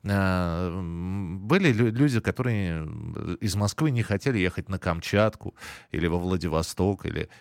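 A man hosting a live radio phone-in in a conversational, halting, self-correcting way. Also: low voice, clean tone, dry recording, studio quality. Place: dry studio.

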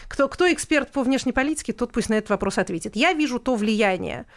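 A woman commentator on a panel discussion, speaking in a measured, hedging way with many pauses. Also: fairly high pitch, lively intonation. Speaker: political commentator.

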